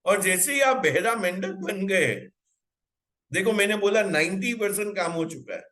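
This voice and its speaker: Team leader, male, slightly high-pitched, motivational storyteller who drills points home by repeating them. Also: expressive, moderate pace, sharp tone. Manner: storytelling, mixing Hindi with English phrases, asks the audience questions; repeats phrases for emphasis. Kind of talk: motivational talk to a team on a video call.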